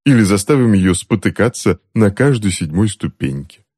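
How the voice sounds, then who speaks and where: A man's voice: fairly low pitch, lively intonation, normal speed, darkish tone, husky, no echo, clean studio sound, voice pushed up. Man doing a cool, mocking witch aunt. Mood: sly. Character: cold, sardonic witch aunt reading a book. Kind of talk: audiobook character voice.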